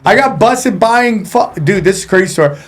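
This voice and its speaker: A man with a high-pitched voice tells raunchy stories in casual podcast chat. He talks with profane, animated energy and acts out the people in each anecdote. He speaks as a stand-up comedian guesting on a show. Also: fairly quick. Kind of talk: casual storytelling.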